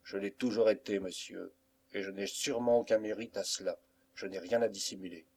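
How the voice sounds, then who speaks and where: A man's voice: on the low side, steady tone, a little fast, a little mellow, husky. A man reading a restrained young woman. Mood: firm. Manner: polite, restrained. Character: frightened but firm young woman. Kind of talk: audiobook reading.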